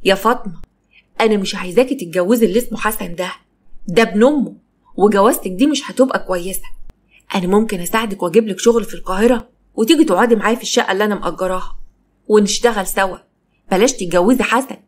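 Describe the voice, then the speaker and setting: A frank, independent young Egyptian woman talks quickly and earnestly, voiced by a woman narrator. Her tone is plain and caring. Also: mid-range voice, close to an everyday voice. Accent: Egyptian Arabic.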